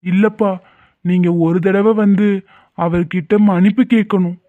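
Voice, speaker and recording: Guy doing a lovesick young guy begging his dad, high-ish voice, tinny phone sound. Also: fairly even intonation, a little slow. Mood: pleading. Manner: pleading, then fierce and bitter. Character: desperate lovesick young man, the younger son. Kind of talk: Tamil cartoon voice acting.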